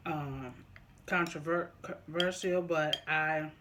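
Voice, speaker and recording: A vlogger talking casually and deliberately to viewers, often repeating and rephrasing in a halting way. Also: medium pitch, steady tone, noisy background. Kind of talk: casual opinion talk to viewers during a mukbang.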